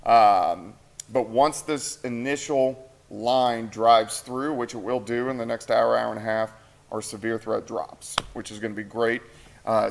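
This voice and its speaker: A mid-range male voice with vocal fry belongs to a meteorologist on air late at night in a TV station weather center. Using a shared mic, he reads viewer comments and thinks out loud in a casual way. He's clearly tired and hungry.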